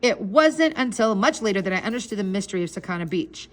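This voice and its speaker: A woman narrating a children's story in an expressive reading voice. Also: mid-range voice, quick pace. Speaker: reader.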